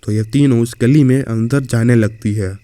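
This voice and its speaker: Guy telling a spooky story casually, super dark voice, dry close sound. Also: medium pitch, fairly even intonation, moderate pace, no echo. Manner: casual, addresses the listener directly. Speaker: horror storyteller. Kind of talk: horror story narration.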